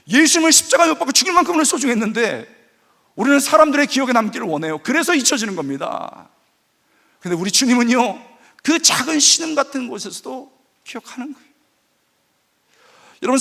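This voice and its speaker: A man's voice: extremely high pitch, vocal fry. A middle-aged man preaching as a pastor, asking the congregation questions and acting out voices in his stories. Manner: animated, acts out quoted voices, asks the congregation questions. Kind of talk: lively sermon with acted anecdotes. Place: church sanctuary.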